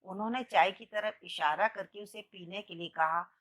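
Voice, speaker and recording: A woman's voice: mid-range voice, normal speed. Woman narrating an emotional story. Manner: expressive, emotional reading. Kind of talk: first-person story narration.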